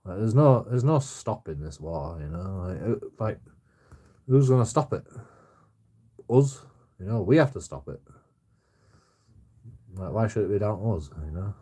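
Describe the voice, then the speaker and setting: This livestream host is a forty-something man from Bradford in West Yorkshire, with the local accent, delivering a casual, opinionated rant. He talks a little slowly with long pauses, in a lowish, dark, breathy voice that's still expressive. The style is blunt, full of swearing and repetition, with "you know" tagged onto lots of lines.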